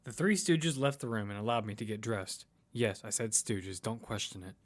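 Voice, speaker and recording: In first-person audio fiction over a music bed, a man with a fairly low voice plays a determined lead recounting his own survival story matter-of-factly. He speaks at a moderate pace, with only light acting.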